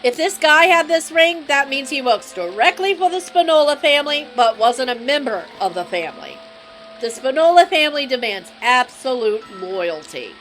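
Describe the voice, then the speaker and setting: A woman's voice: high voice, big pitch swings, moderate pace, fairly bright tone, soft background music, poor audio. A woman voicing a sleazy, swaggering middle-aged male mobster with a put-on New Jersey accent, reading game dialogue on a live stream. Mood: explaining. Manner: brash, teasing mob-guy drawl.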